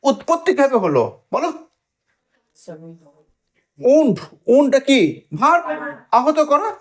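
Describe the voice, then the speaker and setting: A man teaching English grammar in a classroom lesson, explaining step by step and checking with frequent questions, drawing out words when he spells or stresses them. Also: extremely high pitch.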